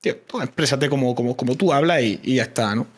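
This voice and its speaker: A man from Murcia with a Murcian Spanish accent, chatting casually over a video call, relaxed and swearing freely. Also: medium pitch, fast talker, breathy edge. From Murcia, Spain. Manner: relaxed, swears freely, many fillers and restarts. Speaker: streamer guest. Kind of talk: casual chat.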